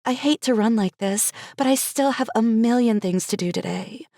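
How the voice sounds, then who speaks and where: A woman voicing a perky, excitable woman in her late twenties with a gushing, bubbly manner, as a cozy mystery audiobook character. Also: on the high side, moderate pace, dry recording, studio quality, voice pushed up, lightly acted. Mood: bubbly, grateful.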